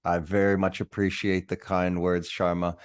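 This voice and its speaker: A man hosting a podcast, introducing his guest brightly and asking loose conversational questions. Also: deep voice, monotone, moderate pace, clear, resonant tone. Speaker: podcast host. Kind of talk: casual podcast interview.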